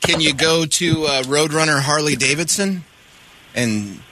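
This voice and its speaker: A man's voice: on the high side, a little slow, a crowd in the background, poor audio. A man co-hosting a radio call-in show, chipping in with casual banter. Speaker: radio co-host.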